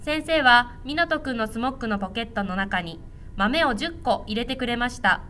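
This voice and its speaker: Storyteller for kids: gentle, clear woman, high and bright, reading aloud. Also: animated, moderate pace, a little hiss or hum.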